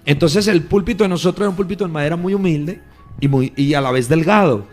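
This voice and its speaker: A man, a pastor earnestly recounting a testimony on a radio program, his storytelling swelling louder at key moments. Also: on the high side, fast talker, soft background music. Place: radio studio.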